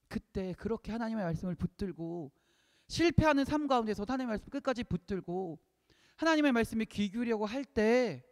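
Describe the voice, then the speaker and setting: A man preaching a sermon, emphatic, repeating key phrases and swinging between loud peaks and hushed lines. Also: sits high. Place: church sanctuary. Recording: long reverb of a church hall.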